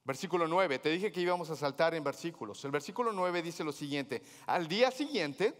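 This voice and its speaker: A man's voice: on the high side, lively intonation, a little fast, fairly bright tone. A man preaching as a pastor, telling a story with humor and acting out the dialogue of its characters. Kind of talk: sermon. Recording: hall reverb.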